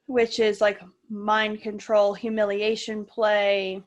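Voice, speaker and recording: A woman of about thirty co-hosts a casual podcast, talking frankly and jokingly. Her voice sits at an ordinary middle pitch, and her talk is loose and full of fillers. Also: flat delivery, slow pace, highs cut off. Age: 30s. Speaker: podcast co-host. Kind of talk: casual chat.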